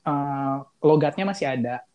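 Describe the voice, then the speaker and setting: A man's voice: on the high side, measured pace, darkish tone, muffled recording. A young man from Indonesia, a podcast guest who tells stories in casual slang and laughs often. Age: young adult. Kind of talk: casual chat.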